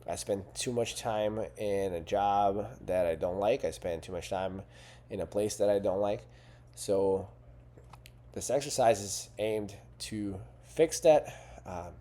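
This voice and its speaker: A man with a fairly low, mellow voice speaks as a coach. He talks in an earnest, conversational way and checks in with the listener often. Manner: earnest, conversational, with fillers and rhetorical "right?". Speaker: fitness coach. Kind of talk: coaching talk to camera.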